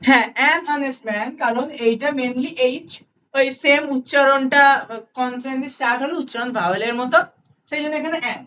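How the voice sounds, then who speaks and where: High-voiced Bengali woman teaching grammar. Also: a bit bright, a little hiss or hum. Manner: explains patiently, repeating key words slowly and checking understanding. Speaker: English grammar tutor. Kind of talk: online class lesson.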